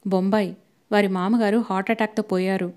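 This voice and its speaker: A woman voicing a rough, hoarse male office clerk who answers the phone bluntly in a storybook reading. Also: medium pitch, steady tone, a little fast, a little mellow, lightly acted.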